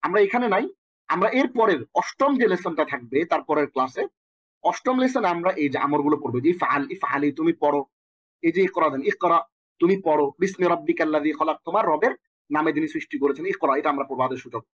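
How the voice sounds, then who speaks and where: A young Bangladeshi man with a Bengali accent, teaching an online Arabic lesson and reciting verb conjugations in quick rhythmic runs. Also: fairly high pitch, expressive, husky, no echo, lo-fi sound. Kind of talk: online language lesson, drilling verb forms.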